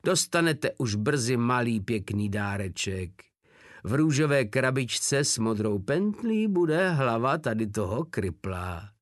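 A man's voice: medium pitch, sing-song, no room sound, clean studio sound, close to an everyday voice. A man doing a snarling brutish gang boss. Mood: menacing. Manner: raging, teeth-gritting threats.

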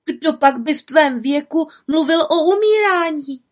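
Woman doing a bright young girl witch. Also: high voice, expressive, voice pushed up. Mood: coaxing.

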